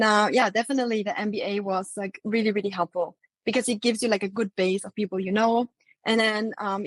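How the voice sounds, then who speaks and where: A woman's voice: mid-range voice, no echo, low-quality recording. Austrian-born woman chatting, dry close sound. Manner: relaxed, many fillers like um and like. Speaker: guest, marketing agency founder. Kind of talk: casual interview talk.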